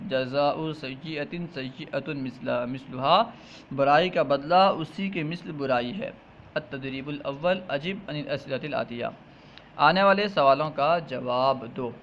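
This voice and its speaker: A man teaching a text lesson, reading each phrase aloud and then slowly explaining and repeating it. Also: a little high. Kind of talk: line-by-line Arabic text lesson with translation. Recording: muffled lo-fi with faint hiss.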